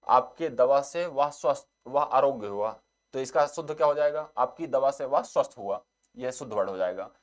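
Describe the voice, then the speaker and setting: A young male teacher takes students through an exam-prep lesson at a mid pitch. He keeps falling back on the same short filler and slows down whenever he reads an example sentence aloud.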